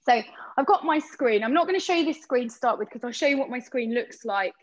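A woman's voice: a little high, animated, brisk, low-quality recording. A woman giving a live cooking demo over a video call from a kitchen, chatty and explaining step by step. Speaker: cooking appliance demonstrator.

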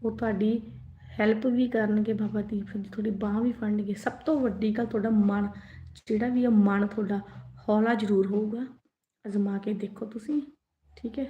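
A young adult woman giving earnest spiritual advice in a live-stream talk, often asking the listener questions. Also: medium pitch. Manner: earnest, advising directly, asks listeners questions. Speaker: religious speaker. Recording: echoey, dull lo-fi sound.

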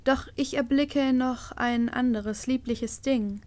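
A woman voicing a slow, solemn magic mirror spirit. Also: high voice, fairly even intonation, darkish tone, no room sound. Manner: slow, measured and formal.

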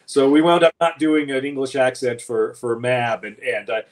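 A man chatting as a guest author on a livestream, animated and quick to laugh, often restarting his sentences. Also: medium pitch. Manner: animated, chuckling, many restarts. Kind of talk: casual livestream chat.

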